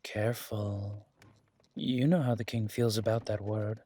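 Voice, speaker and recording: In a fantasy audio drama, a man voices a weary, guarded werewolf duke, speaking in a measured, dry manner with a husky voice. His voice is lowish and dark, his intonation fairly even, and the mood is grave.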